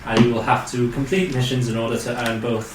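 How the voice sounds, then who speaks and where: Man doing a formal male recruiting officer, businesslike, halting with "uh", roomy sound, distant mic, faint hiss. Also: mid-range voice, little pitch movement, voice pushed down, close to an everyday voice. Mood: briefing. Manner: measured, many "uh" pauses.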